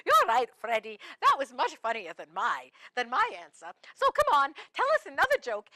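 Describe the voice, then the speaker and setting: A woman's voice: high voice, bright, forceful tone, no room sound, heavily acted. A woman playing a cheerful, kindly Mrs Claus in a children's show, with a sing-song, laughing voice. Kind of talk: children's show role-play.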